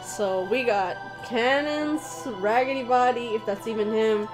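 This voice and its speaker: A young woman chatting casually while playing a visual novel, excitable and quick to swear and laugh. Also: fairly high pitch, low-quality recording. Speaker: let's play co-host. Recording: music playing behind.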